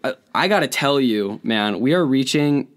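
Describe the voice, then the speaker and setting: A young man hosting a casual podcast chat, hoarse from bronchitis, with a low husky voice and a joking, self-deprecating manner. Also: expressive, normal speed. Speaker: podcast host.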